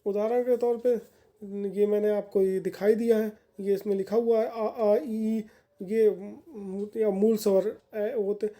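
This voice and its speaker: A woman's voice: medium pitch, steady tone, measured pace, warm tone. A woman teacher giving a grammar lesson for exam candidates, explaining patiently and repeating points in plain words.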